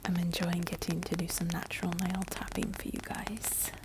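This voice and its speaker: A woman whispering softly and breathily in a casual, rambling ASMR style, close to the mic while she taps on items with her fingers. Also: fairly low pitch, flat delivery, moderate pace. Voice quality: breathy, mostly unvoiced whisper. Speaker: ASMR video creator. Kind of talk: whispered, soft-spoken ASMR. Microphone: close ASMR microphone. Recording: close noisy mic with tapping and clicks. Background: finger tapping and clicking on objects.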